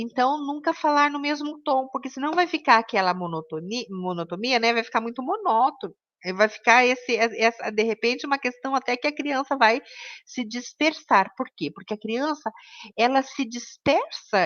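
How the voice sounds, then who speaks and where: A woman's voice: medium pitch, a bit bright, lo-fi sound. A woman teaching an online course on reading to children, explaining step by step and often adding tag questions.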